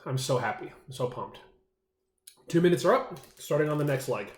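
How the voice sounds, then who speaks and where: Guy doing a food challenge vlog, kinda high voice, rambly and hyped, echoey room. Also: expressive, moderate pace. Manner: enthusiastic, rambling with many fillers. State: eating, mouth full at times. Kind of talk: casual solo vlog.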